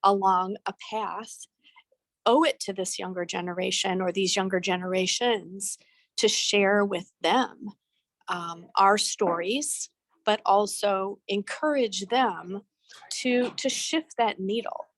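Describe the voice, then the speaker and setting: A middle-aged woman joins a talk show as a panelist over a video call from a busy event venue. Her medium-pitched voice comes through dry, and she speaks earnestly and casually, with some restarts.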